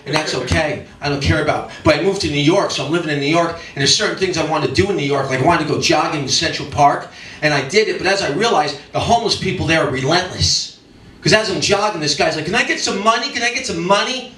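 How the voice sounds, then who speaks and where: A man doing a stand-up set in a small lounge, animated and acting out the people in his story. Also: fairly high pitch, fast. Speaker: stand-up comic. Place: small lounge comedy club. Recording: echoey club from far off, audience noise.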